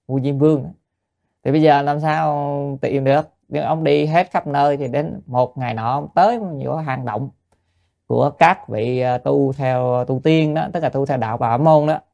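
A man's voice: on the high side, creaky, a little mellow. A man giving a Buddhist dharma talk, telling a story and asking listeners rhetorical questions. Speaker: Buddhist teacher.

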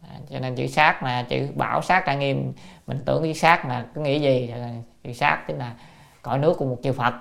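A man giving a Buddhist sutra commentary lecture. He chants classical phrases slowly, then explains them word by word, often asking his listeners rhetorical questions. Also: mid-range voice, fairly even intonation, creaky, fairly bright tone.

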